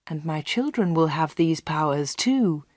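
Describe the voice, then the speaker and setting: A menacing man with strange powers, as a woman reader puts him on, speaking low, quiet and insistent. The voice sits a little lower and softer than her own, in a dry, close recording. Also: lively intonation, measured pace, dry recording. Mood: quietly menacing.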